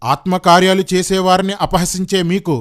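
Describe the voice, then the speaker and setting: A man's voice: sits high, completely flat delivery, brisk, a bit bright. A man preaching as a pastor, scolding and sarcastic, firing one rhetorical question after another in a combative rebuttal sermon.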